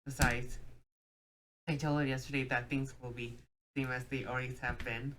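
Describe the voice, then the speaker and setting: A woman's voice: extremely low pitch, level tone, normal speed, fairly bright tone, slight background noise. A woman hosting a game playthrough, reading the story text aloud with joking asides. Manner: reads dialogue with joking asides. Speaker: let's play host.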